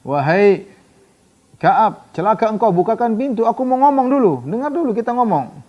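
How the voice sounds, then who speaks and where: A pushy, scheming chief, as a preacher puts him on, pleads to be let in with a high, urgent, pressing voice. The sound is slightly muffled, like a lecture recording. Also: male voice, lively intonation, normal speed. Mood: insistent.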